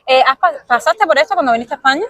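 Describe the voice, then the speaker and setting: A woman's voice: high-pitched, animated, quick pace, a bit bright, dry recording. A young woman with a Cuban Spanish accent, hosting and chatting through street interviews with many fillers. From Cuba. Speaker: host.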